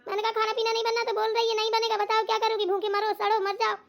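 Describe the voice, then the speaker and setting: A bossy old mother-in-law who scolds in a shrill, nagging cartoon voice, put on by a woman. She has a Bundelkhandi accent and speaks very high. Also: completely flat delivery, very fast. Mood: scolding, shrill. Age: older. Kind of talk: cartoon voice acting.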